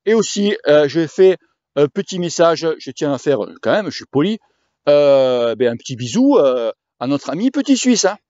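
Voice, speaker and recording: A man rants to his cycling viewers in a crude, slangy, rambling way. His voice sits a little high. The recording is dry and slightly dull. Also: very animated, moderate pace, warm tone, dry recording. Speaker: cycling vlogger. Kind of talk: casual rant to viewers.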